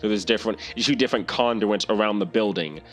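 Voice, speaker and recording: A man's voice: fairly low pitch, fast, faint music behind. A man narrating a tabletop game as game master, rambling and searching for words with many restarts.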